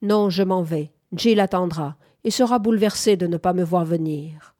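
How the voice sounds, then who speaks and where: A woman's voice: on the low side, moderate pace, mellow, close to an everyday voice. A woman reading aloud, voicing a curt, moody young farm woman with a terse, sullen manner. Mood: guarded.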